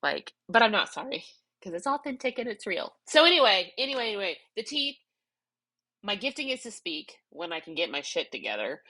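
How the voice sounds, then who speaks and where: A middle-aged woman pours out her thoughts in an emotional personal vlog, crying, congested, rambling, and self-reflective. Her mid-range voice is very animated and sharp in tone, fairly quick, and recorded dry.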